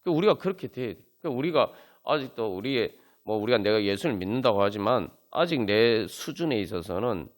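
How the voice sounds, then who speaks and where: A man's voice: lowish voice, lively intonation, quick pace, few pauses. A man preaching a sermon at a Friday prayer meeting, earnest and full of fillers, building to emphatic peaks. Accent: Seoul Korean. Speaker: pastor. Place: church sanctuary.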